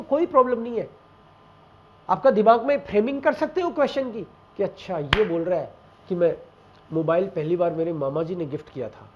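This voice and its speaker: A man with a high voice explains exam tips to a class in a relaxed, conversational way, speaking right to his students. He slips German example phrases into his talk. The recording is dull and lo-fi. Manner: mixes Hindi with German example phrases, addresses students directly. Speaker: German language teacher.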